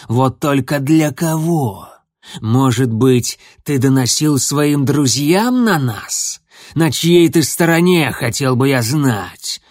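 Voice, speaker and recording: A man voicing a hulking, menacing male warrior cat with a low threatening bass, speaking slowly and sneeringly. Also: dry recording, studio quality. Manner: slow, drawn-out, sneering.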